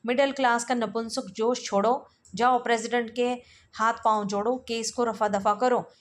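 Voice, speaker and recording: A woman's voice: on the high side, fairly even intonation, moderate pace, close to an everyday voice. A woman reading a blunt cynical colleague. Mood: mocking. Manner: mocking, blunt lecturing. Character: cynical blunt middle-aged male colleague. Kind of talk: reading a play aloud for exam study.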